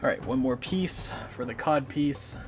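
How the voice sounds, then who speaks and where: A man's voice: medium pitch, a little slow. A young man chatting casually on a live stream while building a model kit, rambling and swearing lightly. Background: faint game music.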